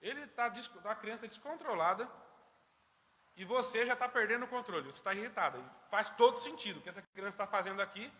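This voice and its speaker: A high-pitched man with a very bright, cutting tone teaches a church Sunday school class. He tells his story in a lively way and acts out the dialogue. His voice rings through the long reverb of a church hall. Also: quick pace. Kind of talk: anecdote told to a church class.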